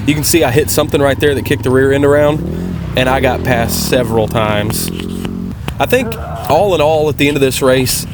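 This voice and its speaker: A man's voice: mid-range voice, normal speed, very noisy. A man giving a casual, conversational vlog voice-over as an amateur dirt bike racer, plain-spoken and rambling. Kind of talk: casual vlog voice-over commentary on race footage.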